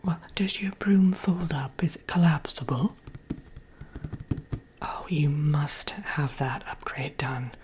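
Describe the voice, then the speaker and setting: A woman voicing a vain, sassy witch in a breathy, unhurried ASMR whisper, coy and condescendingly friendly. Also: sits low, a little hiss or hum. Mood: chatty, confiding. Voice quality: breathy, soft-spoken whisper. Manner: unhurried, coy, self-admiring, calls listener dearie.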